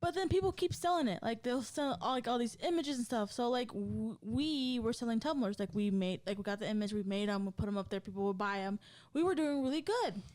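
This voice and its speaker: A woman in her thirties co-hosts a podcast, chatting casually and rambling with lots of fillers and frequent laughs. Her voice is fairly high, darkish in tone, animated, and fairly quick.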